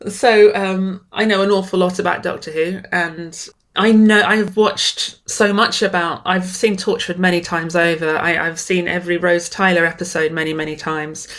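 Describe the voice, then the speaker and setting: In a conversational interview, a middle-aged woman writer appears as a guest, speaking enthusiastically and frequently restarting or repeating words. Her voice is on the low side and a bit bright, with fairly even intonation, a moderate pace, and hardly any pauses.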